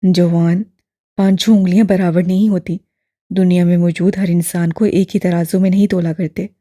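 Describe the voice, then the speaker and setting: An elderly male imam, kind and unhurried, voiced by a woman reading an audiobook. He speaks in a steady, fatherly tone, low and dark with a husky edge, and sits close and dry on the mic. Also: no room sound, natural voice. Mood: gentle. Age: older. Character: kindly elderly male mosque imam, calm and patient.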